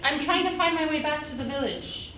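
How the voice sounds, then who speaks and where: A woman's voice: high voice, brisk, sharp tone. Woman playing a prim, hesitant lost village girl, very echoey. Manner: prim, old-fashioned, hesitant. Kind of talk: improvised stage storytelling. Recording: very echoey noisy stage from far off.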